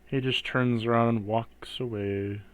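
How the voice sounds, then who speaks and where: A man's voice: medium pitch, steady tone, a little slow. A man narrating a tabletop fantasy game as its game master, explaining events and rules to players.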